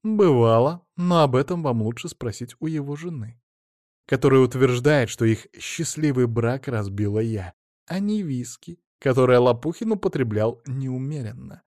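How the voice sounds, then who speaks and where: A man's voice: mid-range voice, expressive, normal speed, darkish tone, no room sound, studio quality, lightly acted. A man reading an audiobook, voicing a cold, curt middle-aged woman with a scornful manner.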